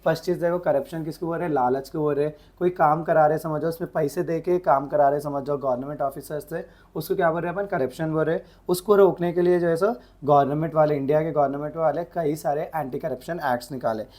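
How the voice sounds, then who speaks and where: Woman tutor, low mellow voice, slow dictation and quick asides. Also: fairly even intonation. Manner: slow dictated English definitions, quick conversational Hindi explanations; keeps asking rhetorical questions. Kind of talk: exam revision lesson.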